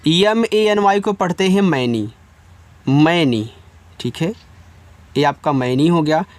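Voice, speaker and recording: A man teaching beginners, patiently spelling out words letter by letter and repeating each meaning for his students, reading example sentences slowly. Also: on the high side, lively intonation, no echo. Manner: addresses viewers as students; reads English examples slowly and carefully. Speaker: English teacher.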